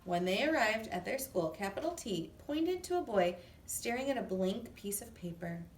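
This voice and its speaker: Expressive and deliberate, a woman with a mid-range voice reads a children's story aloud as a storybook reader. Faint noise and the echo of the room come through a distant microphone.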